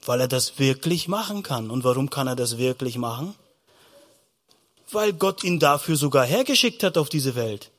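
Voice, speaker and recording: A man giving a children's sermon, telling it in a lively way and asking the children questions. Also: mid-range voice, moderate pace. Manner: animated storytelling, asks the children questions. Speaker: pastor.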